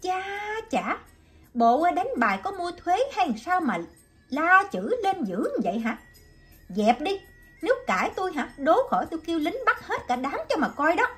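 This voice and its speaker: A woman's voice: fairly high pitch, big pitch swings, a little slow, fairly bright tone, faint music behind. A woman voicing a middle-aged woman innkeeper who scolds sharply in a storybook reading. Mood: scolding.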